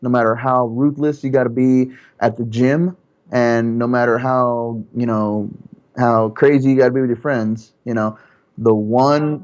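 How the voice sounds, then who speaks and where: A man from Texas, a guest in a casual interview, talking in a relaxed, rambling way with many fillers and restarts. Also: mid-range voice. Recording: dull lo-fi sound.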